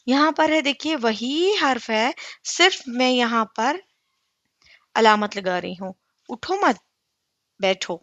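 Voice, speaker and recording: A woman teaching Quran recitation in an online lesson. She talks patiently, asks her class questions and answers them herself, and draws out recited words very slowly. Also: fairly high pitch, fairly bright tone, no echo, muffled recording.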